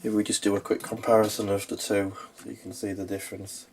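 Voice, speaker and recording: Talking fast in a fairly low, flat voice, a man hosts a casual how-to video as a repair technician, plainly explaining things as his hands keep working. The recording is clearly noisy and full of clicks.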